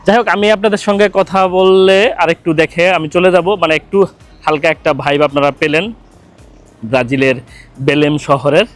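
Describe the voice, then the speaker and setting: A man from Bangladesh, talking casually and haltingly to a phone camera while he walks outdoors and later rides in a car. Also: fairly high pitch, fairly even intonation, faint music behind. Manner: chatty and hesitant, with many fillers. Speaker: vlogger. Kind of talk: casual travel vlog narration.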